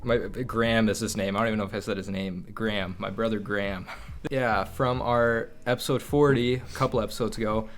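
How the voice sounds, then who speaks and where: A man's voice: lowish voice, fairly even intonation, brisk, few pauses. A young man co-hosting a podcast in casual chat, rambling with fillers and laughing often. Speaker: podcast co-host.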